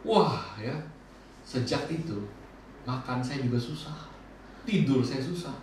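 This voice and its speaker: A man preaching a sermon, telling lively personal stories and acting out his own remarks. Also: medium pitch, unhurried. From Indonesia. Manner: lively storytelling, acts out his own quoted lines. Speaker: bishop preaching. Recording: echoey hall from far off, faint noise.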